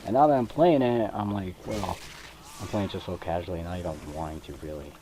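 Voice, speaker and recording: There's a little hiss or hum as a young Mexican gaming video creator talks over his play into a cheap computer microphone, rambling casually and hesitantly with plenty of fillers. His low voice is mellow and fairly quick, and controller clicks sound in the background.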